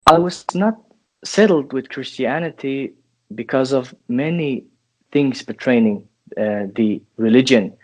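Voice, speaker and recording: A man in his twenties from Finland, a guest answering interview questions in a thoughtful, halting way with restarts. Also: medium pitch, darkish tone. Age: 20s.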